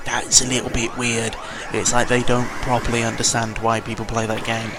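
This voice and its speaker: A British gaming vlogger speaks at normal speed in a monotone, medium-pitched voice, giving rambling and casual game commentary. He's sweary and digressive and keeps correcting himself, with music under his voice.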